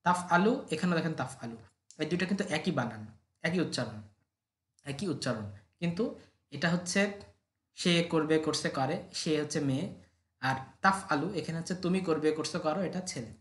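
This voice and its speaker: A man teaching Arabic, patiently drilling verb forms by repeating them, often clearing his throat. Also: a little high, normal speed, pauses often. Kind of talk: recorded language lesson with drills. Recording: echoey room.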